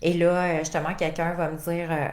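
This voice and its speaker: A woman's voice: lowish voice, little pitch movement, a little fast, darkish tone. A woman life coach with a Québécois accent, giving a conversational live talk full of fillers and rhetorical questions. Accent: Québécois French. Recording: roomy echo.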